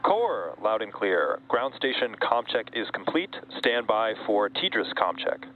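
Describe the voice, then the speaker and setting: A man's voice: lowish voice, sing-song, unhurried. A man making formal, clipped procedural calls as a mission control communicator over a pilot-style radio headset. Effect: radio headset comms. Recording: phone-like radio channel with faint noise.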